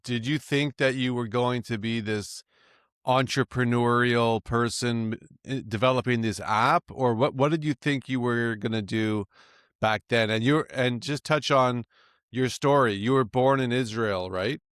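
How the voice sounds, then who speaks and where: A man hosting a podcast, interviewing a guest with quick, encouraging affirmations. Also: mid-range voice, a bit bright, clean tone, no room sound, studio quality. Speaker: podcast host.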